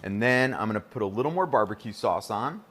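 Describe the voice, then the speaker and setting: A middle-aged man with a New Jersey accent hosts a live cooking demo. His voice sits on the low side, and he keeps an upbeat, chatty flow, talking directly to the people watching. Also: lively intonation, brisk, a bit bright, breathy edge. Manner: upbeat, chatty, addresses viewers as "you guys". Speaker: cooking show host.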